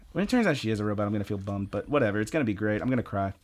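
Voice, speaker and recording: A man co-hosting a podcast, casually recapping anime episodes in a rambling, animated way and jumping into excited voices for quoted lines. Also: lowish voice, very fast. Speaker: podcast co-host.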